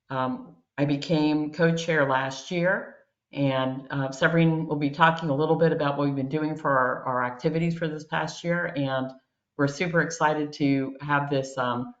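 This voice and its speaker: A woman professor introducing herself in an online meeting, friendly and upbeat. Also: low voice. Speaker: professor, co-chair. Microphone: video call. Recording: echoey, dull video call audio.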